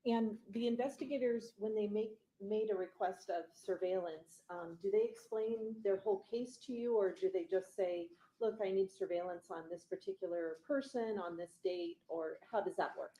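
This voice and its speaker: A woman prosecutor questioning a witness in a conversational, somewhat halting way. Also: medium pitch, warm tone, rough recording.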